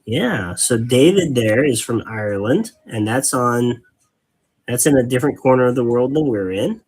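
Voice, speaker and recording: A man's voice: medium pitch, lively intonation, normal speed, darkish tone, husky. A man hosting a casual hobby painting stream, rambling and patiently explaining things, cracking corny dad jokes. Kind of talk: casual live-stream chat while painting.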